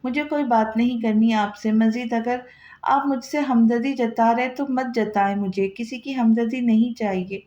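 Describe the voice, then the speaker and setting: A woman's voice: on the high side, steady tone, normal speed, close to an everyday voice. Woman reading as a bitter young wife. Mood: cold. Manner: bitter, sharp. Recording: roomy, dull lo-fi recording.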